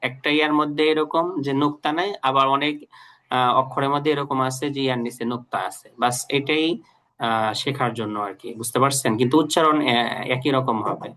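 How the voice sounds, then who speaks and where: A man teaching an online Quran reading class, patiently repeating letter sounds slowly for his students. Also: medium pitch, steady tone, pushed and bright.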